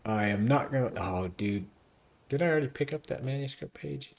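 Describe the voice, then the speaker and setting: A man streaming a video game, giving excitable, chatty commentary to his chat. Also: medium pitch, a little fast, vocal fry. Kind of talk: casual gameplay commentary.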